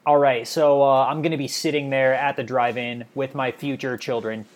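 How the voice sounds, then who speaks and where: A man's voice: medium pitch, moderate pace. A man co-hosting a casual podcast, laughing a lot while he explains his picks. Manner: laughs often, relaxed and rambling. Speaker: podcast co-host. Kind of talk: casual chat.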